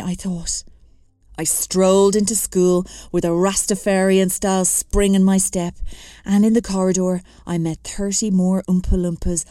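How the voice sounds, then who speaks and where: A woman's voice: medium pitch, warm tone, no room sound, clean studio sound. A woman reading a memoir aloud with wry, self-mocking comic timing. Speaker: narrator.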